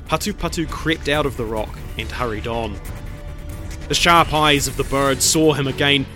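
Man narrating a dramatic legend. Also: mid-range voice. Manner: measured, expressive. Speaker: storyteller.

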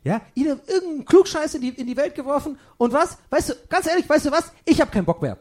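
A man's voice: very high-pitched, animated, quick pace, darkish tone. A man playing a lazy, grumbling young gamer who whines about detective work in a comedy radio play. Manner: whiny, grumbling. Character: lazy grumpy young gamer, whiny sidekick.

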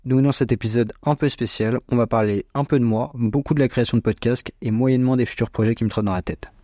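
A man's voice: medium pitch, fairly even intonation, fast talker, dark tone, no echo, studio quality. A young man of about twenty hosting a podcast, delivering a scripted but chatty monologue with informal slang, recorded on a small microphone in a bedroom. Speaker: podcast host. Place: small bedroom at parents' home, dry sound. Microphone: small home microphone.

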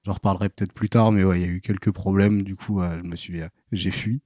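A man's voice: low-pitched, steady tone, fast talker, darkish tone, no room sound, studio quality. A man in his twenties, a podcast guest, telling stories casually with lots of hesitations and restarts. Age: 20s. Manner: hesitant, full of fillers and restarts. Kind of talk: casual interview storytelling.

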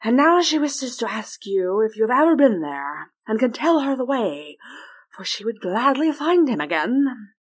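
A woman voicing the South Wind, an eager, well-travelled male spirit who speaks in a lively way in a fairy-tale reading. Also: fairly high pitch, normal speed, slightly rough, pitched above the performer's own voice. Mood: helpful.

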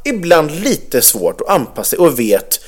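A man's voice: a little high, sing-song. A middle-aged man co-hosting a podcast, telling a story in casual chat with heated, swearing outrage. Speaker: podcast co-host.

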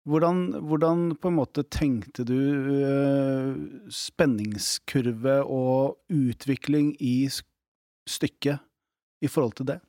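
A man's voice: mid-range voice, dark tone, dry recording. Man interviewing, mid voice, hedgy careful questions, dry close mic.

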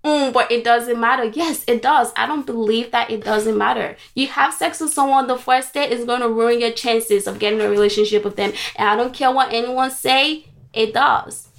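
A woman's voice: fairly high pitch, normal speed, creaky. A young woman in casual podcast chat, holding forth emphatically on her opinions. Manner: emphatic, talks at length about her opinion. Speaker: podcast co-host.

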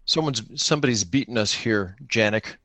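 A man with a fairly low, sharp voice speaks at a moderate pace, with no room sound. He hosts and plays an improvised solo-engine tabletop roleplaying game in casual chat, thinking aloud and posing questions he then answers himself.

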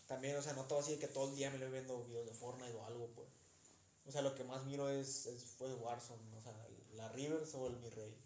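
A young man from Mexico co-hosting a podcast, chatting in casual slangy banter with quick asides. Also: mid-range voice, fairly even intonation, darkish tone. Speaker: podcast co-host. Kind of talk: casual chat. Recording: echoey room with faint noise.

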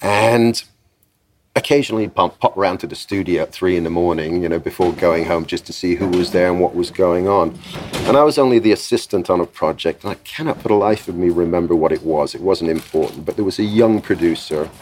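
A man with a very low voice recalls life in recording studios as an interview guest. He tells his stories with energy, slips into the voices of the people he quotes and laughs along the way. The tone stays relaxed and conversational. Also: fairly quick, slight background noise. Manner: lively storyteller who acts out quotes and laughs often. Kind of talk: anecdotal interview chat.

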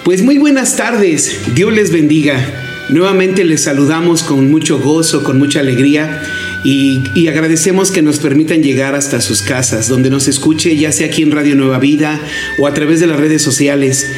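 Higher-pitched Mexican man hosting, roomy sound. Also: steady tone, moderate pace. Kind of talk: devotional welcome to listeners. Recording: roomy echo. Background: faint music.

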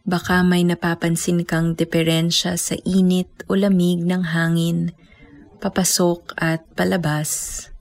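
A woman with a Filipino accent leading a guided meditation as a teacher, speaking in a calm, gentle way with unhurried pauses. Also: fairly low pitch, vocal fry.

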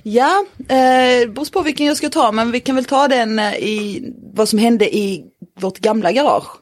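A woman telling a story in a casual podcast chat, animated, with lots of fillers and the odd swear word. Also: on the high side, no room sound.

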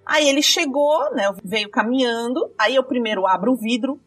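A woman's voice: on the high side, normal speed, breathy edge, distant mic, soft background music. A woman, telling a dramatic story from her rideshare driving in casual chat. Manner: lively, dramatic retelling with quoted dialogue.

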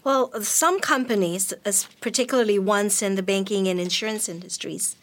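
A woman moderating a panel discussion, asking measured, clear questions. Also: medium pitch.

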